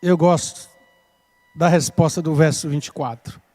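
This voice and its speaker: An older man with a Minas Gerais Brazilian accent preaches a sermon from the pulpit, his voice pitched high for a man. He swells into emphatic peaks, then drops to a soft hush, and calls on the congregation to repeat words back. The sound carries a long reverb from the church hall. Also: steady tone, a little slow. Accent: Brazilian Portuguese, Minas Gerais. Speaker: pastor. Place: church sanctuary.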